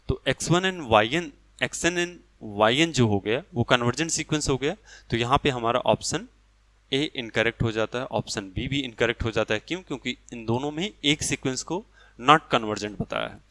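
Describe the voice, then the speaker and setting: A man's voice: medium pitch, a bit bright, no echo. A man teaches a math lecture, explaining step by step and answering his own questions.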